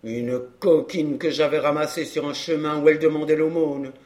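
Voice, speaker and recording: A man's voice: a little high, steady tone, moderate pace, a little mellow, natural voice. A man voicing a down-and-out middle-aged fairground clown in an audiobook, talking in coarse, grumbling slang. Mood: lamenting. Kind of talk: audiobook character reading.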